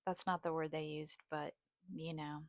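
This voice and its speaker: A woman vlogging in a rambling, personal way, halting and hesitant, with vocal fry and a sometimes scratchy voice. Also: deep voice, level tone, dry recording, studio quality. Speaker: video host. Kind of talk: rambling personal vlog, partly reading a study aloud.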